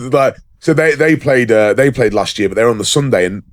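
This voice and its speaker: A man's voice: mid-range voice, measured pace, no echo, clean studio sound. A man co-hosting a casual podcast, rambling and sweary, full of ums and fillers. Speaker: podcast co-host.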